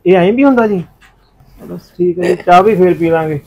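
A man's voice: high voice, a little fast, a little mellow. A man playing a grumbling village father. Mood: lecturing. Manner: lecturing, complaining husband. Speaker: father of a college girl. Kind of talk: village family drama acting. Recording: slightly dull lo-fi recording.

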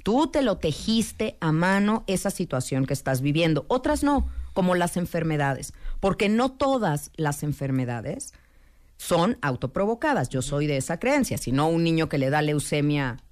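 A middle-aged woman with a Mexican accent, speaking as a guest expert on a radio talk show, animated and storytelling, addressing listeners directly. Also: low voice, normal speed. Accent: Mexican Spanish.

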